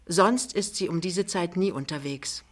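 A woman narrating an audiobook in a calm, measured way. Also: on the low side. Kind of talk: audiobook reading.

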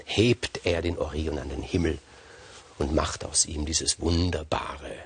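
A man retelling a Greek myth in a lively, conversational way with emphatic asides. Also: rumbling low, measured pace, husky. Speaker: storyteller. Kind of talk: freely told myth narration.

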